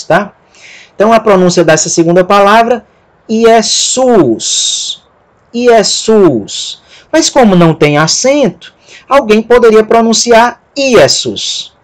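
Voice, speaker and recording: A man teaching a recorded lesson, spelling out letters one by one in a slow, methodical way. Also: high-pitched. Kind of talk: recorded lecture over written slides.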